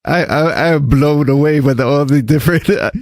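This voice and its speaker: A man's voice: on the high side, normal speed, dry recording, clean studio sound. A man hosting a podcast interview, chatting casually with hesitant, stammering restarts. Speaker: podcast host.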